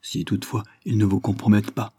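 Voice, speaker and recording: A man's voice: lowish voice, level tone, fast talker, creaky, warm tone, breathy edge, no room sound, studio quality. A man voicing a young engineer who speaks in an ironic, mocking way.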